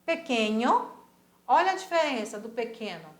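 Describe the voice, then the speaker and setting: A woman with a Brazilian Portuguese accent teaching a recorded Spanish lesson, patiently repeating words slowly to model pronunciation. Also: on the high side, expressive, reverberant.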